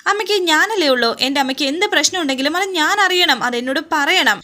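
A woman's voice: sits high, quick pace, sharp tone. A woman voicing a devoted young adult daughter who pleads insistently with her mother. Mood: hurt, pleading.

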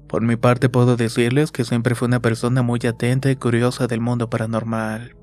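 Flat-voiced man narrating horror. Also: mid-range voice, moderate pace. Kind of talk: scripted first-person horror narration. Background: faint music.

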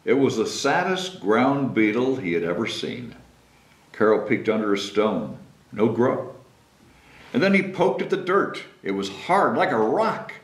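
At a library children's story time, the mayor, a man in his sixties, reads a picture book with expression, talking simply to the kids. His medium-pitched voice swings widely in pitch and runs a little slow. He's at a table in a small meeting room with a whiteboard, and the room sound is echoing.

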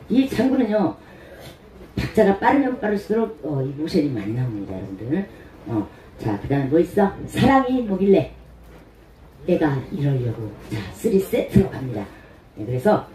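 A woman's voice: deep voice, warm tone, roomy sound, recorded from a distance, rough recording. A woman stage entertainer joking with a live audience in a playful, teasing way and laughing often. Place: performance venue at a mountain entrance.

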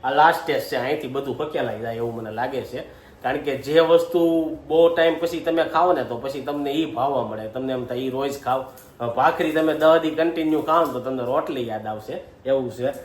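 A man's voice: mid-range voice, a little fast, roomy sound. A man, chatting casually to viewers in a family vlog. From Gujarat, India. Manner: chatty, talks to viewers as "guys". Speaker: vlogger.

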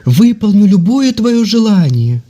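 A man putting on high, squeaky voices for characters in spoken jokes. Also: big pitch swings, a little slow, dark tone, highs cut off, exaggerated voice. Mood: pleading. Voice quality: mixes Russian words into Ukrainian.

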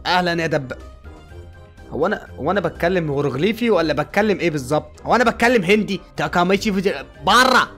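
Speaking in an Egyptian accent, a man voices an exasperated doctor at an asylum who scolds his patients and then coaxes them, for a fan-made game movie. His voice is high and a bit bright, with lively intonation and a fast delivery, and faint music plays behind him.

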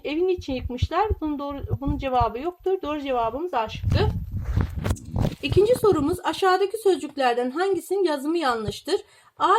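Woman teacher, high voice, patient step-by-step explaining, faint hiss behind. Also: darkish tone. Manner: clear, patient explaining for young children. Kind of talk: reading out and solving test questions.

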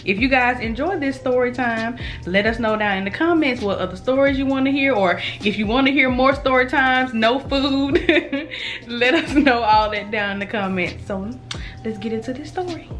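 A woman's voice: a little high, moderate pace, fairly bright tone, faint music behind. A woman in her thirties co-hosting a vlog, chatting casually, laughing and jumping in often. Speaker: vlog co-host. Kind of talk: casual storytime chat.

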